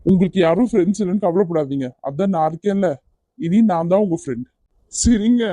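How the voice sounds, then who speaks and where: A performer voicing a kind, persistent young man in a cartoon, firm yet gentle as he coaxes someone to come along. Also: mid-range voice, fairly quick, no room sound, lightly acted. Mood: gentle coaxing. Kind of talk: cartoon voice acting.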